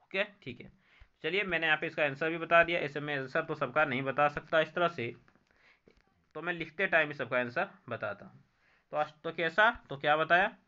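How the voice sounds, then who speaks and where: Teaching an English lesson, this Indian-accented man reads every line in English, then explains it in Hindi, repeating all the answer words. He speaks at normal speed in a somewhat high, bright, forceful voice, and the audio is dull.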